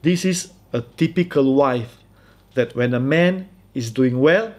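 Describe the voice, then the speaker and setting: A man preaching in a casual, conversational style with a Malaysian English accent, emphatic and animated. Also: mid-range voice, slow pace. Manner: animated, emphatic, acts out quoted voices. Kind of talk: conversational sermon.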